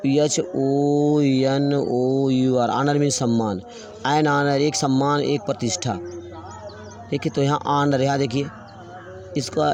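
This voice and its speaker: A man teaching English grammar, slowly spelling out words letter by letter and repeating them. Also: mid-range voice, a little mellow. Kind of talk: classroom grammar lesson.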